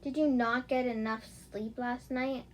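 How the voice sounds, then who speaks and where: A woman voicing a hot-tempered, cocky teenage boy who shouts threats in a fan-made audio story. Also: on the high side, fairly even intonation, unhurried, far from the mic, slight background noise, close to an everyday voice.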